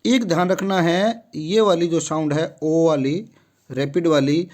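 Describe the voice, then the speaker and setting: A male teacher talks his students through a lesson in an unhurried, deliberate way. His voice sits a little high for a man. He says each example word again and again before moving on. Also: darkish tone. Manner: repeats each word several times, slow and deliberate; addresses students directly. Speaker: English phonetics teacher. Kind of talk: classroom-style lesson.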